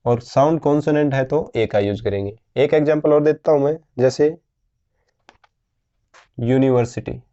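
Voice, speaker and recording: Guy teaching grammar real slow, patient, keeps asking questions, mellow voice, kinda muffled lo-fi audio. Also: medium pitch. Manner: slow, patient explaining with frequent questions to students. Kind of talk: grammar lesson.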